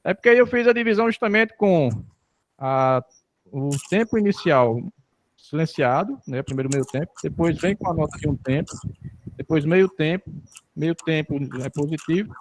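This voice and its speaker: A man's voice: fairly high pitch, animated, moderate pace, a little hiss or hum. A man on a video call sounding out beats with rhythm syllables while explaining a bar. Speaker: music lesson participant. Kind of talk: explaining in an online lesson.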